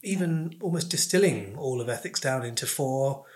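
A man of middling pitch conducts a conversational interview. He phrases things deliberately, in careful fragments, as he probes. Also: animated.

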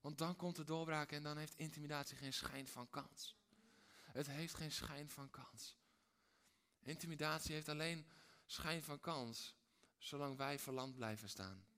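A male pastor preaches with a voice pitched a little above most men's. He moves between quiet, intimate lines and loud, fervent ones, and he hammers his points home with repeated phrases. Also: unhurried. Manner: dramatic, swings between hushed and loud. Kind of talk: sermon.

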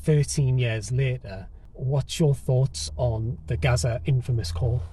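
A man with a mid-range voice hosts a documentary podcast. He puts questions to his guests and reads his scripted narration clearly, at a measured, steady pace. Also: medium pitch. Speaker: podcast host and reporter.

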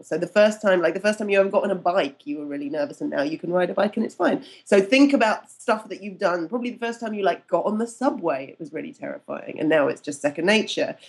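A woman coach talking on a podcast in a mid-pitched voice, lively and self-deprecating. She laughs easily and slips into little voices to act out what people said. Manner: lively, acts out quotes with changed voices. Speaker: guest, networking mentor and storytelling coach. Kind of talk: casual podcast conversation.

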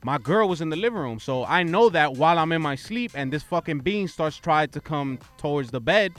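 A man's voice: on the high side, animated, fairly quick, fairly bright tone, faint music behind. A young man chatting on a podcast, telling a story in loose slang and slipping into Spanish. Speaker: podcast co-host. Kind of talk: casual chat.

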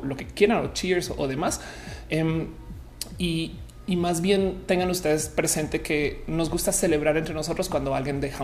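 A woman hosting a casual livestream in a rambling, playful way, her diction slowed as she recovers from having her wisdom teeth out. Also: deep voice, a little mellow. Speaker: livestream show host. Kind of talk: casual livestream chat to viewers.

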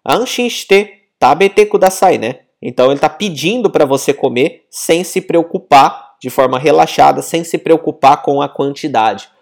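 A man teaching a language lesson, patient and explanatory, repeating example phrases slowly. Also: a little high, creaky. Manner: mixes in read-out example phrases.

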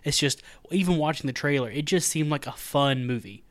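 A man co-hosting a podcast, joking around in an animated, casual way. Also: a little high, a little fast, no echo. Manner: jokey and animated. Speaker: podcast co-host. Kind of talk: casual chat.

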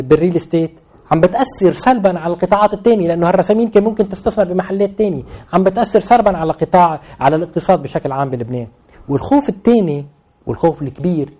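Very fast-talking man, Lebanese Levantine Arabic accent. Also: a little high, dark tone. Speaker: interview guest commenting on real estate. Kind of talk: unscripted interview explanation.

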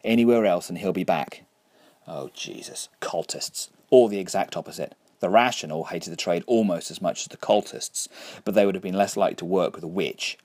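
A man narrating a story in a measured, wry way. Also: sits low, a little mellow, husky. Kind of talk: audiobook narration.

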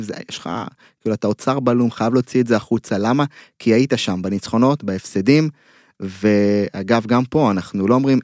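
A middle-aged man with an Israeli accent, a mental coach giving earnest, emphatic motivational talk in an interview, pausing mid-phrase. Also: lowish voice, darkish tone, no echo, clean studio sound. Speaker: mental coach, podcast guest.

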